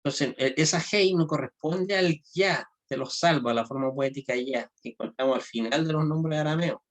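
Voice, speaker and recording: Male language teacher, slightly high voice, informal classroom lecture, frequent check-ins, halting delivery. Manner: checks understanding with frequent tag questions; halting, restarts phrases often. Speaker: Hebrew grammar teacher.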